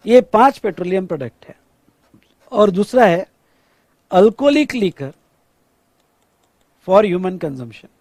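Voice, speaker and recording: Casting note: male lecturer, very high voice, dry close sound, lively and theatrical. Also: no room sound. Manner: animated, acts out officials' dialogue; stretches words slowly for emphasis. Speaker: tax lecturer. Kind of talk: classroom lecture.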